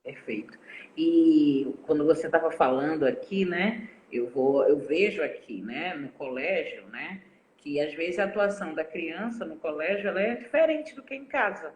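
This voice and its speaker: A school staff member hosting a live talk from the director's office, telling stories with many pauses and "né". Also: medium pitch, lively intonation, a little mellow, slight background noise. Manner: halting, with many 'né' fillers. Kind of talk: anecdotal chat in a live talk. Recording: roomy echo of an office.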